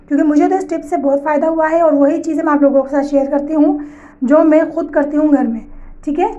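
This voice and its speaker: A woman's voice: high-pitched, mellow, lo-fi sound. A woman giving step-by-step household tips at home. She speaks straight to her viewers, patiently repeating each step.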